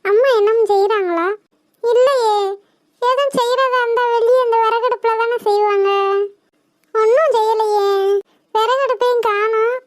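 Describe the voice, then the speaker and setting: A woman voicing a loud, greedy little village girl in a cartoon who shouts for her mother. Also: very high voice, fairly even intonation, normal speed, pauses often, no room sound, pitched above the performer's own voice. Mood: curious. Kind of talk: cartoon voice acting.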